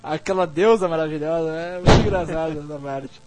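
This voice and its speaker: Podcast host, man, high voice, acts out scenes as he tells them. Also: fairly quick, background noise. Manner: animated storytelling, acts out scenes. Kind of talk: casual chat.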